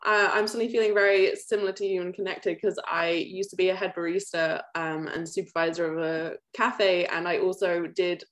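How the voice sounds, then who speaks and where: A woman's voice: lowish voice, fairly even intonation, a little fast, hardly any pauses. A woman co-hosting a podcast, chatting in a friendly, easygoing way. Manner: friendly, chatty, laughs easily. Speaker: podcast co-host. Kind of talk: casual podcast chat.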